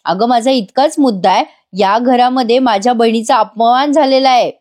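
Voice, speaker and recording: A woman's voice: fairly high pitch, normal speed, a little mellow, lightly acted. A woman voicing an aggrieved, complaining middle-aged man in a retold TV serial scene, grumbling resentfully.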